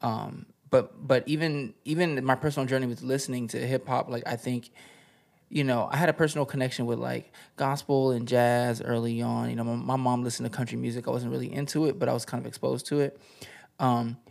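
A man in his thirties, a rapper and poet, talking through his music background in a relaxed, reflective way with frequent fillers and restarts. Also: medium pitch, fairly quick, vocal fry. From United States. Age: 30s. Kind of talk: casual interview chat.

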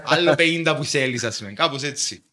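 A man's voice: on the high side, bright, forceful tone. A man with a Cypriot Greek accent hosting a casual conversational interview, explaining things informally with everyday examples. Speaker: podcast host.

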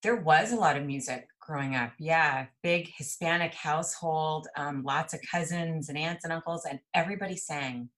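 Low-voiced woman from El Paso, a relaxed and thoughtful interview guest telling stories. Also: normal speed, few pauses, poor audio. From El Paso, Texas. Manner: relaxed, thoughtful storytelling with fillers. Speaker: guest, jazz singer and voice teacher. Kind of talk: interview conversation.

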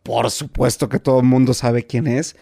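A man in his forties with a Mexican accent, an actor telling stories in a relaxed interview, full of fillers and repeats. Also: mid-range voice, moderate pace, gravelly, husky, no echo, clean studio sound. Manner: colloquial, many fillers and repeats. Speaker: actor guest. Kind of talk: casual interview storytelling.

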